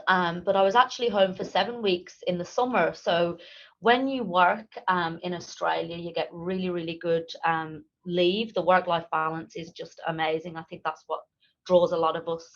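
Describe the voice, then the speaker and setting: A woman's voice: lowish voice, dull audio. Upbeat woman in her thirties. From Ireland. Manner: enthusiastic, lots of ums. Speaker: nurse guest. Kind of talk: casual interview.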